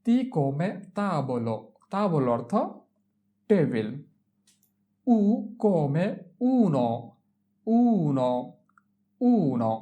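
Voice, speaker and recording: In this very slow Italian alphabet lesson, a woman speaks in a low, dark voice that is highly animated and broken by long pauses. Every word is spelled out letter by letter and repeated three times, and only then does she give its meaning.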